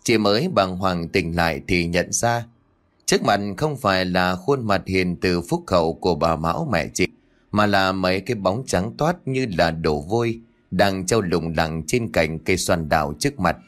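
Người đàn ông giọng trầm kể truyện ma. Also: male voice, low-pitched, expressive, moderate pace, a bit bright. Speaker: storyteller. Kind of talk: scripted ghost story narration. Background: faint music.

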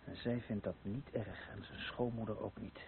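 Heard through a noisy, tinny, narrow-band old radio recording, a male actor plays a bitter, sardonic neighbour in a naturalistic radio drama, stressing his words scornfully. His voice is lowish and natural, at normal speed with fairly even intonation.

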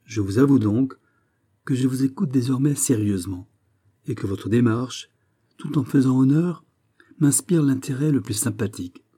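A man reading the lines of a proud opera singer in a story, measured and dryly ironic. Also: mid-range voice, mellow, slightly rough, voice pushed up, natural voice. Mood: grave. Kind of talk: read-aloud story.

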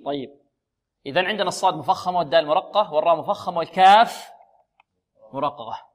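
Man teaching Quran recitation rules. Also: fairly high pitch. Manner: drills sounds slowly, repeating syllables and asking listeners to repeat; explains patiently, posing questions and answering them himself. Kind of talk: tajweed lesson.

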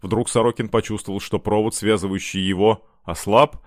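Low-voiced man narrating an audiobook. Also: fairly even intonation, moderate pace, no room sound, clean studio sound. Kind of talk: scripted narration.

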